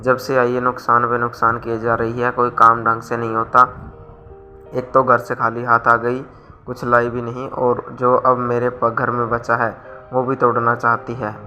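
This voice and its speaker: A man's voice: medium pitch, completely flat delivery, unhurried, bright, forceful tone, faint music behind. A man doing a stingy scolding mother-in-law. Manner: scolding, bossy. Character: stingy, harsh mother-in-law, older woman.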